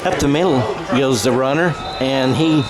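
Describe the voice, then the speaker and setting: Live football commentary comes from an American man who talks through plays radio-style, thinking aloud and fixing his own mistakes, amid noisy outdoor game sound. His voice is mid-range and moderately paced.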